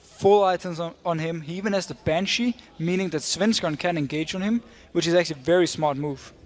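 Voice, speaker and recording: A man's voice: on the high side, a little fast. A man giving analytical color commentary on an esports match, explaining the teams' strategy.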